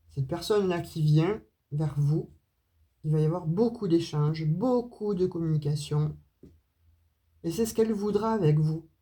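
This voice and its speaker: A woman with a southern French accent gives her viewers a chatty card reading straight to camera, full of hesitations and asides. She is an astrology and tarot reader whose voice sits on the low side and sounds warm.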